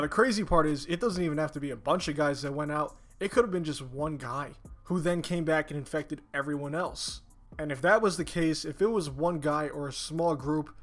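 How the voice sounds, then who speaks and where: A man's voice: fairly high pitch, a bit bright. A man giving casual, blunt, slangy opinion commentary with swearing, recorded while sore and medicated just after having his wisdom teeth out. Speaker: YouTube sports commentator.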